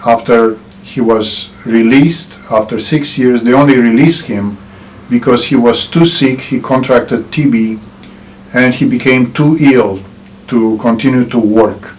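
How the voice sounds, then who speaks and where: A middle-aged man from Romania with a Romanian accent, giving earnest political commentary to camera and pausing often with "uh" and "um". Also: medium pitch, darkish tone, slight background noise, rough recording. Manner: earnest, with frequent "uh" and "um" pauses. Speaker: channel host.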